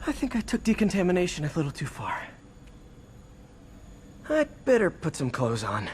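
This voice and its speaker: A man's voice: high-pitched, huge pitch swings, moderate pace, slight background noise. A young American man playing an earnest, wisecracking superhero in a video game, conversational and self-deprecating. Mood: wry, thoughtful. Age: young adult. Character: earnest, wisecracking 23-year-old male superhero. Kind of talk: naturalistic video game acting.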